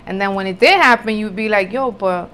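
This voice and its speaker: Born in the Dominican Republic and later living in New York City, a woman appears as a podcast guest and spiritual entrepreneur, telling candid personal stories. She talks a little fast in a medium, fairly bright voice, casual and emphatic, repeating herself for emphasis and mixing in Spanish. There's a slight hiss or hum in the recording.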